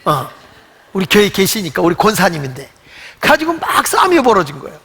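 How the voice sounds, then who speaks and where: A man's voice: high-pitched, brisk, husky. An older man pastor preaching a Sunday sermon in a church, telling stories and acting out the voices of the people in them. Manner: animated storytelling, acts out quoted voices. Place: church sanctuary. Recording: long hall reverb.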